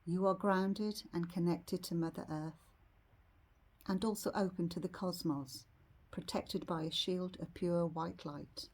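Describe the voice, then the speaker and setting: A woman leading a guided meditation in a serene, soothing, soft and slightly husky voice. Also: lowish voice, fairly even intonation. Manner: serene, unhurried, soothing delivery.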